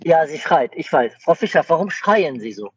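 A man's voice: on the high side, big pitch swings, moderate pace, breathy edge. A man acting as the boss who takes over a phone call, placating the caller and repeating her name over and over.

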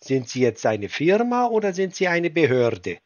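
A man with a somewhat high voice plays dumb and picks at every word, calm and fussy. The recording is dry and dull. He talks slowly and pedantically. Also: dry recording. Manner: slow, pedantic, feigning confusion. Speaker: prank caller baiting a scammer. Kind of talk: prank phone call.

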